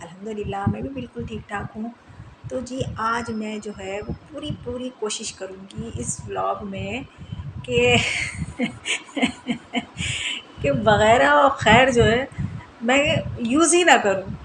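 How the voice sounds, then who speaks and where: A woman's voice: on the high side, measured pace, noisy background. A woman in her thirties, a mother narrating a home vlog voice-over in a chatty way and often laughing at her own slips. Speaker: vlogger, mother. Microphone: voice-over mic.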